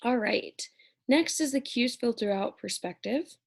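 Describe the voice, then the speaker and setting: A woman's voice: on the high side, lively intonation, unhurried, gravelly. A woman instructor talking through an exam review lecture in a conversational way, checking in often with "right?".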